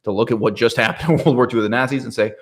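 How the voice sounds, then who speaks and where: A man talking through a political topic in a casual monologue, rhetorical and animated, often checking in with "right?" and laughing mid-sentence. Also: medium pitch, racing, slightly rough. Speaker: political commentator.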